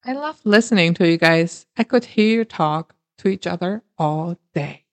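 A woman co-hosting a casual chat podcast from Germany, chatty and quick to laugh. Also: lowish voice, animated, no echo. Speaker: podcast co-host.

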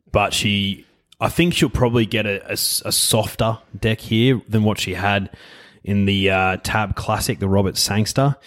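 Australian man, low-pitched voice, casual racing tipster, conversational co-host style. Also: a bit bright. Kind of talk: casual horse racing tips chat.

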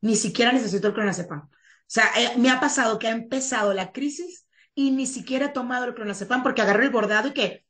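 A woman with a fairly high voice, a guest on a podcast, chatting casually. She talks in an animated, lively way and slips into quieter asides as she tells her story. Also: quick pace. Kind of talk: casual interview chat.

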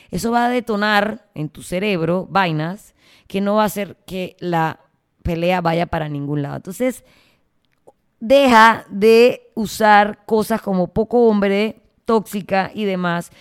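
A woman's voice: medium pitch, smooth, no echo, clean studio sound. A woman hosting a casual podcast monologue, chatty and slangy, acting out quoted arguments. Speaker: podcast host.

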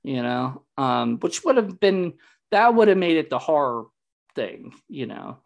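A man's voice: on the high side, sing-song, measured pace, creaky. A man chatting casually about a movie he loves, rambling with lots of fillers and laughing at the jokes he retells. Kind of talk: casual chat recapping a movie.

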